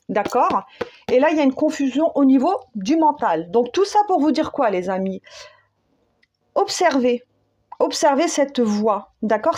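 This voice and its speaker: Woman tarot reader, slightly high voice; unhurried and halting, talking to listeners as friends. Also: darkish tone. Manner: searching for words, many fillers, addresses listeners as friends; slow, soothing, repeats key phrases. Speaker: tarot and spiritual guidance reader. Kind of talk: spontaneous spoken guidance.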